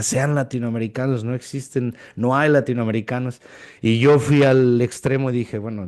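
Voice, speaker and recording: A man from Mexico, interviewing a teacher in a chatty, animated way. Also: medium pitch. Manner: animated, talkative, addresses guest as "profe". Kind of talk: casual interview chat.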